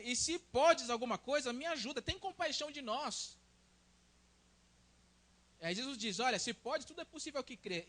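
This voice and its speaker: A man's voice: extremely high pitch, fairly bright tone. A young man with a Brazilian Portuguese accent, preaching a sermon in a conversational way and often adding "né?" at the end of sentences.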